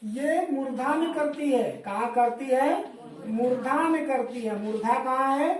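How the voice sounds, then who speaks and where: A woman's voice: sits high, measured pace, darkish tone. A woman teacher giving a classroom lesson, drilling questions and answers. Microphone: far camera. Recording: echoey room from far off.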